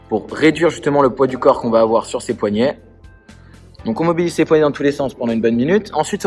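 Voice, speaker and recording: Guy walking you thru exercises step by step, calm, a bit high-pitched, faint music. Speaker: CrossFit coach. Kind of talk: workout instruction.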